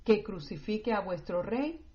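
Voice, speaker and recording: A woman reading the lines of a wary, questioning male Roman governor in her own measured voice, on dull lo-fi audio. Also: medium pitch, animated, darkish tone, close to an everyday voice. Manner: read plainly in the narrator's own measured voice.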